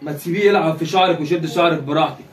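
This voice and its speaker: A man playing a harsh Egyptian father, rapid-fire. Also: fairly high pitch, slight background noise, natural voice. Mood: mocking. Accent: Egyptian Arabic. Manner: scolding, sneering, quick-fire. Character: harsh father who favors his son, mocking and cold. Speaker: actor in a street drama. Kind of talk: amateur street drama acting.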